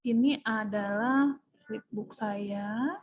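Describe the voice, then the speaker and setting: A woman with an Indonesian accent runs an informal online workshop over a video call, repeatedly checking in with listeners by saying "ya." Her voice is mid-range, husky, and slow-paced, and the call audio is dull and lo-fi.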